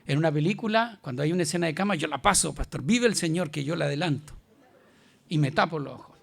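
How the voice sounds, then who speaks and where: Man doing a pious churchgoer, earnest, protesting, gravelly voice, fairly high. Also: fast. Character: pious churchgoer insisting he avoids impurity.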